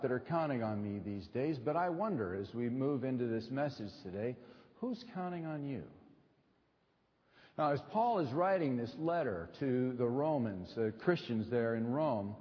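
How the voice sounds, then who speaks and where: A middle-aged American man preaching a sermon at a pulpit microphone, in a measured delivery with deliberate pauses and rhetorical repetition. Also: mid-range voice. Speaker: pastor preaching to a congregation. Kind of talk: sermon with personal storytelling. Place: large echoing church hall. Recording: dull sound in a reverberant hall.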